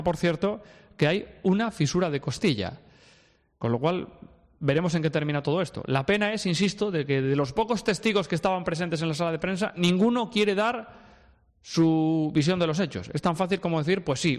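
A man's voice: a little high, long reverb tail. Outspoken male sports radio host. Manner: outspoken, emphatic opinions. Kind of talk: sports news commentary. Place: radio studio.

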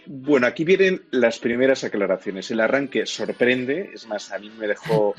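A man's voice: mid-range voice, lively intonation, normal speed, soft background music. A man with a Castilian Spanish accent giving an explanatory, opinionated review in a conversational radio segment. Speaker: television and film reviewer.

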